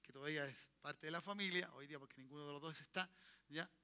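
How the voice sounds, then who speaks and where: Speaking quickly in a bright, forceful, clean voice on the high side, a Chilean-accented pastor delivers a church sermon. He leads his congregation in call-and-response, checks in with them, and has them repeat his words.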